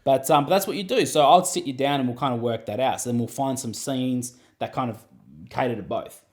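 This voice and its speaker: A man's voice: mid-range voice, a little fast. A man, an acting coach, chatting casually and rambling with lots of "you know what I mean.". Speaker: acting coach and podcast host. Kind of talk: casual advice chat.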